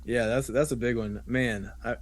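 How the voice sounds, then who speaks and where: A man's voice: medium pitch, fairly even intonation, moderate pace. A man who is a business coach, guesting on a podcast and chatting animatedly, mimicking others when he quotes them. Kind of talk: casual conversational interview.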